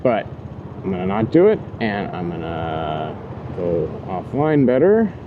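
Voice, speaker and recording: A man's voice: low voice, wildly swooping pitch, unhurried. A man chatting casually to his viewers as a delivery rider, rambling and thinking aloud while riding a scooter outdoors. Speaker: delivery rider hosting his own video channel. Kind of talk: casual vlog chat while working. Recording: dull audio, loud outdoor road noise.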